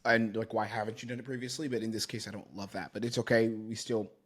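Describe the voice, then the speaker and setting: A man in his thirties, a sales coach giving commentary on a recorded sales call in a quick, run-on coaching manner. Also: fairly low pitch, level tone, slightly rough. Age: 30s.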